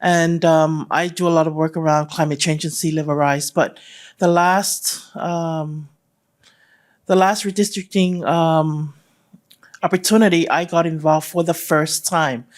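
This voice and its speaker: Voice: mid-range voice, steady tone. Audience member from california, hesitant, lots of ums, asking a question. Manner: hesitant, many "um" pauses.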